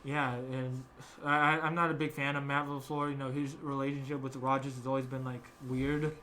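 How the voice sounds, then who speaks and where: A man's voice: mid-range voice, flat delivery, moderate pace, bright, forceful tone, a little hiss or hum. A young man hosting a casual sports chat, rambling with many fillers and restarts. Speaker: podcast host.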